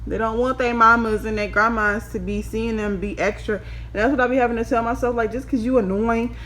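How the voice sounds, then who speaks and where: Indoors in a small room at home, a makeup vlogger in her twenties giggles and rambles tipsily to camera while giving a makeup tutorial. Her voice is a little high and fairly bright, steady in tone, and she talks briskly.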